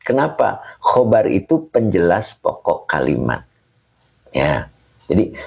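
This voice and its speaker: Slow, gravelly male religious teacher. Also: on the low side, warm tone. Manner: patient, repeats each term and asks questions back. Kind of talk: slow kitab reading and grammar lesson.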